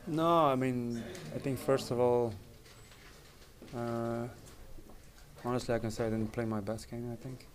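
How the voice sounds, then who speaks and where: The recording captures a post-match interview in a noisy, crowded indoor press area, a sponsor backdrop behind the speaker and chatter all around. He is a soccer team captain in his thirties with a medium-pitched voice, responding evenly but haltingly and repeating words. Reporters' handheld mics and phones are held close.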